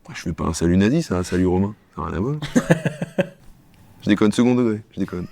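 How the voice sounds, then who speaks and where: Fast low-voiced man in a sketch. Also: lively intonation, creaky, mellow. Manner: quick, bickering back-and-forth between two characters. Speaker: sketch comedian. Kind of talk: comedy sketch dialogue.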